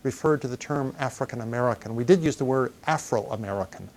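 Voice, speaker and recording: A man's voice: medium pitch, fast talker, darkish tone. A man with a mid-range voice answers an interviewer in a thoughtful, conversational way, sometimes restarting a phrase. Faint background noise runs under the recording.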